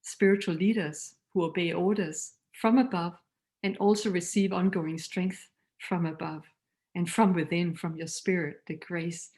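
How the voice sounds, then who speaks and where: Earnest and measured, this mission leader from Denmark gives a prepared talk in her Danish accent, letting each phrase trail off gently. Her voice is lowish and steady.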